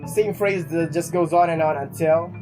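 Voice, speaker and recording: With game music playing behind, a let's player reads a visual novel aloud in a dramatic, stumbling way, reacting as the story goes. The voice is medium-pitched, with fairly even intonation and a normal speed.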